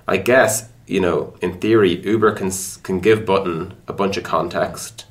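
With a low voice and a steady tone, a tech product executive explains things at a moderate pace during a casual podcast interview. He's conversational and feels his way toward what he wants to say.

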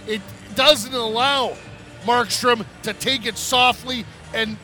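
A man's voice: extremely high pitch, steady tone, slow, pushed and bright, faint music behind. A man working as colour commentator, explaining hockey plays conversationally in live sports analysis. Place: arena broadcast booth.

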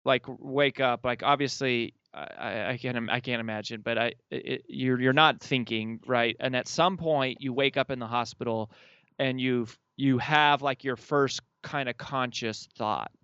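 A man hosting a podcast interview, asking questions in a halting way with many restarts. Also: mid-range voice, sharp tone, clean tone, no room sound, highs cut off. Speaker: podcast host.

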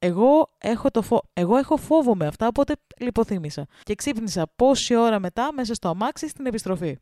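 A woman from a Greek Ionian island, co-hosting a podcast in casual chat, animated, slangy and laughing often. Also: mid-range voice, no room sound, clean studio sound. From Greece, Ionian island. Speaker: podcast co-host. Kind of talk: casual chat, reading a listener story.

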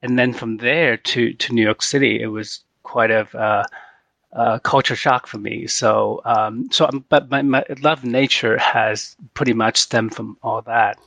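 A middle-aged man from China answering interview questions, halting and full of fillers. His voice has a gravelly, creaky edge and sounds close and dry. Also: medium pitch, steady tone, fairly bright tone, dry recording. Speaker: guest artist. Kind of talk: casual interview.

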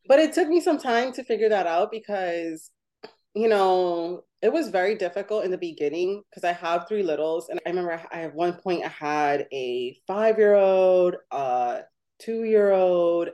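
A woman's voice: on the low side, lively intonation, a little slow, warm tone. A woman in her thirties hosting a podcast, chatty and laughing often, with lots of "like" fillers. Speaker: podcast host. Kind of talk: casual podcast chat.

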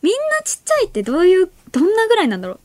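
In a studio, a late-teen woman hosts a late-night radio show, chatting casually, reading listener mail, and giggling often between remarks. Her extremely high voice swings hugely in pitch and comes out rapid-fire, a little mellow, with no echo. She's chatty and playful, speaking straight to listeners through a studio microphone.

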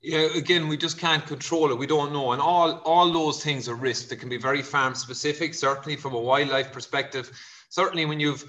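A man's voice: fairly high pitch, a little fast, bright, forceful tone. Kerry man with a west of Ireland accent. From County Kerry, Ireland. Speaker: vet, expert guest. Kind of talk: conversational expert explanation.

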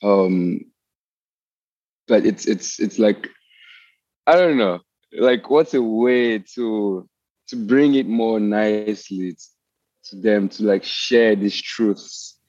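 Hesitant deep-voiced man from Cameroon. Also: takes it slowly, pauses often, darkish tone. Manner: hesitant, restarts, many "uh"s and repeats. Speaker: caller asking a question. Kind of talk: casual question on a video call. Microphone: video call. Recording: dull lo-fi video call audio.

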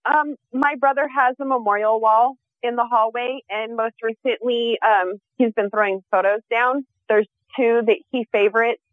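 A woman's voice: on the high side, fairly even intonation, normal speed, hardly any pauses, dry recording. A woman calling in to a radio show over a phone line, speaking hesitantly with frequent ums. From USA. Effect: heard over a phone line.

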